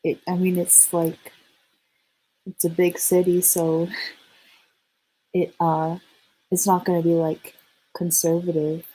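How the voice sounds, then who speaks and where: A woman with an American accent chatting casually on a livestream, halting and hesitant, in short broken phrases. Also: lowish voice, monotone, dark tone, husky, poor audio.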